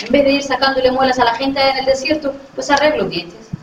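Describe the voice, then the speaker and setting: The speaker is a middle-aged woman from Western Sahara, a dentist, chatting with schoolchildren in a friendly way and checking their understanding with questions. Her high voice holds a steady tone at a slightly fast pace. The sound is dull and lo-fi, very echoey and far from the microphone.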